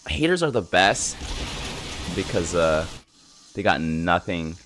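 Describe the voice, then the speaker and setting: Low-voiced, stuffy gamer guy chatting. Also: very animated, slow pace, background noise. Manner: laid-back, rambling, chatty with viewers as "boys". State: stuffy nose. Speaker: gaming YouTuber. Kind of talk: casual live gameplay commentary. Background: game music and sound effects.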